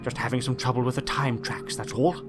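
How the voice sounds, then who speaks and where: A man's voice: mid-range voice, fairly even intonation, fairly quick, close to an everyday voice. A man voicing a weary, huffy, grandfatherly old time traveller with fussy, old-fashioned phrasing and muttering in an audiobook. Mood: fussy, evasive. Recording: music behind the voice.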